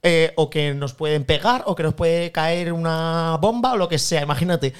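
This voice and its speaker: A man from with a slightly high voice talks in a podcast chat. He tells his stories in an animated, joking way. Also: moderate pace, clear, resonant tone. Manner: animated, jokey storyteller. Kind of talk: casual chat.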